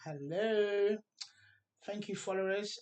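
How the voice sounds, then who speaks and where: A woman from England chats casually on her own podcast, speaking straight to her followers. Her voice sits at an ordinary middle pitch. She keeps checking in with "you understand?" and "okay?" as she talks. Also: slow, darkish tone. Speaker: podcast host. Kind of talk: casual chat.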